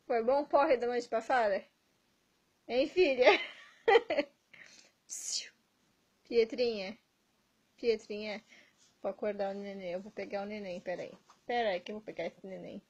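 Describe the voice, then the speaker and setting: A woman's voice: mid-range voice, unhurried, long pauses, a little mellow, husky, low-quality recording. A woman, a mother, talking to her sleepy baby in cooing, sing-song baby talk.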